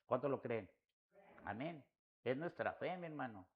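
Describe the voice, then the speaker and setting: A man's voice: mid-range voice, animated, a little slow, narrow, tinny audio. A man preaching an earnest sermon to a congregation, often calling his listeners "my brother.". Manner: earnest, addresses listeners as "mi hermano".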